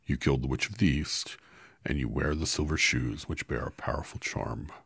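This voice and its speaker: A man's voice: very deep voice, vocal fry, a bit bright, husky, no room sound, heavily acted. A man doing a stern giant wizard's head. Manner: slow, commanding, heavy.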